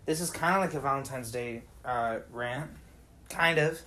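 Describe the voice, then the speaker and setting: A young man delivering a profane, deliberately dark comedic rant to camera, exaggerated and complaining. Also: medium pitch, a little hiss or hum. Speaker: vlogger.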